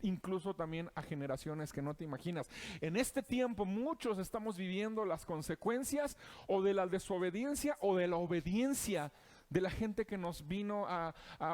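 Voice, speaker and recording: A man preaching in a notably high voice for a man. He addresses the listener directly, earnest and urging, with the steady flow of a sermon. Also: normal speed.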